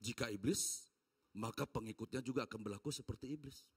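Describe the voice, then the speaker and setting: A man preaching a sermon as a pastor, dramatic, with rhetorical questions put to the congregation and sudden drops to a soft low voice. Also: brisk, breathy edge. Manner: dramatic, shifting from loud exhortation to low soft-spoken voicing of God. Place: church.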